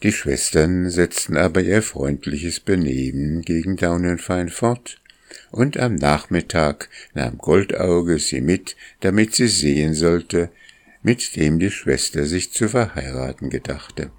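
A man reading a storybook aloud in a calm, measured way. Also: low-pitched. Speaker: narrator.

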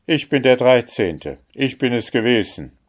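A man's voice: mid-range voice, sing-song, unhurried, voice pushed up. A man voicing a clever young prince in a fairy tale, confident and matter-of-fact.

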